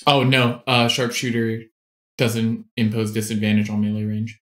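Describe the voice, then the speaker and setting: A man's voice: lowish voice, completely flat delivery, normal speed, fairly bright tone, echoey room. Matter-of-fact man checking game rules. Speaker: player. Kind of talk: casual tabletop play.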